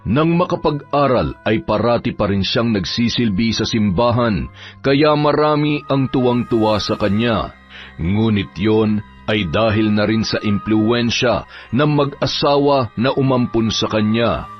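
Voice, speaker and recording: Slow, measured male story narrator. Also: on the low side, dull audio, soft background music.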